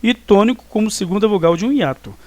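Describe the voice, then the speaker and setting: A man's voice: high voice, fast talker, dry recording. A man with a Brazilian Portuguese accent teaching a review class and checking in often with his students. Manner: explanatory, frequent "né?" and "tá?" check-ins. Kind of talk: recorded online class review.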